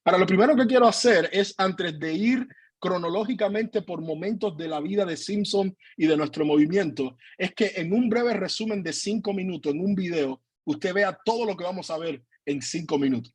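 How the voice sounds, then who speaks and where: Pastor, 30s, husky and fairly high, dry close sound, earnest and halting; for an online church class. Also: male voice, no echo. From Cuba. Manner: earnest, hesitant with many fillers. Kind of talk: online teaching talk.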